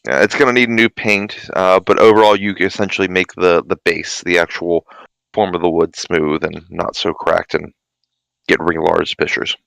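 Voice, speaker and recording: Low gravelly game master. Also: male voice, no echo, low-quality recording. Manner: relaxed, halting explanations. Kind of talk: narrating a tabletop game.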